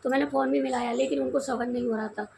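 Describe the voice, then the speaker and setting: A young Indian woman talks to her viewers in a relaxed, confiding vlog, telling the story of a family quarrel. Her voice sits high, but it is worn hoarse and gravelly. Faint noise hangs in the background of the recording. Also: fast talker. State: hoarse from crying and shouting. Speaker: vlogger. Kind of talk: casual vlog chat.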